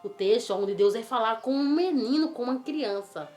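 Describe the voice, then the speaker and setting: A woman's voice: a little high, normal speed. Woman telling a children's Bible story. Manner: animated, coaxing, asks the child questions. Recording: roomy with faint music.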